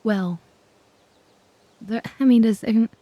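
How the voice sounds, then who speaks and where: A woman's voice: fairly high pitch, slow, no room sound, lo-fi sound. A woman game streamer chatting casually while she plays.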